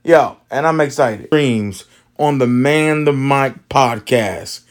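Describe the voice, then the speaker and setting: A man hosting a casual sports podcast, excited and rambling, with many fillers and restarts. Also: mid-range voice, slow pace. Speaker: podcast host.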